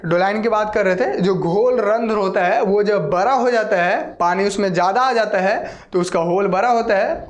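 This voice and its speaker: Patient teacher drilling pronunciation. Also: mid-range voice. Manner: patient, repeats words and drills pronunciation slowly; checks in often with the listener. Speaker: geography teacher. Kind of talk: online class lesson.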